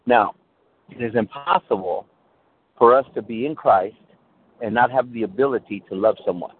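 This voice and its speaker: A man's voice: medium pitch, moderate pace, breathy edge. Man preaching over a tinny call line. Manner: preaching, checks in with listeners, restarts phrases. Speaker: pastor.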